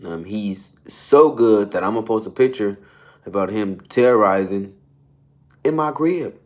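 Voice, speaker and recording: A man's voice: lowish voice, animated, measured pace. Laid-back young man vlogging on a phone. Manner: laid-back slangy talk to viewers. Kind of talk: casual travel vlog. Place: airport terminal, walkway and parked car. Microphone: phone held low at arm's length. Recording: noisy background.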